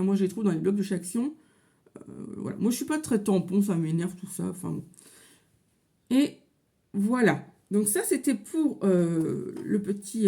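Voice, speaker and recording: A woman's voice: medium pitch, warm tone. A woman in her thirties with a French accent, chatting casually in a craft tutorial from her home office, with many fillers. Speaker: crafting vlogger.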